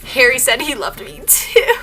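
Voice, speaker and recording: Bright, giggly young woman vlogging. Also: sits high, very animated, unhurried. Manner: gushing, giggly, lots of "like" and restarts. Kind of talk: casual storytime vlog.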